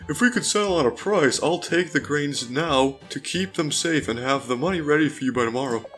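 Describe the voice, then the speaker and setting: A man's voice: fairly high pitch, animated, fairly quick, fairly bright tone, faint music behind. A man voicing a tired male baker who haggles in a businesslike, accommodating way while he reads a game aloud.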